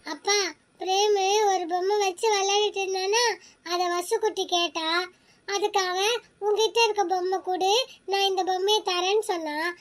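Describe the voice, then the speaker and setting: A woman's voice: extremely high pitch, steady tone. Chirpy bossy little girl. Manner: chirpy, indignant, quick to argue. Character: bossy older girl, protective big sister. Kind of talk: cartoon voice acting.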